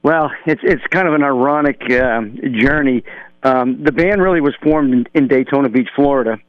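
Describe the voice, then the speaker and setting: Phoning in to a radio show, this New Hampshire drummer settles into relaxed, meandering storytelling packed with fillers. He speaks at a normal speed in a mid-range voice with a clean tone. The recording is dry, and the telephone line sounds dull.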